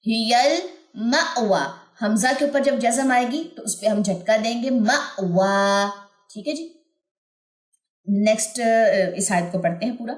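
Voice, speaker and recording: A woman teaching recitation rules who explains each point, then stretches the syllables out slowly to model them. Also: on the high side, darkish tone. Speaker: Quran tajweed teacher. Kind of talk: recorded online lesson. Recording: roomy echo.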